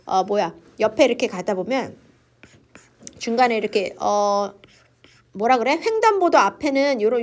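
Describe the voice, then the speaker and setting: A woman teaching English reading for an exam, explaining lively in a mix of English and Korean. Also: high-pitched.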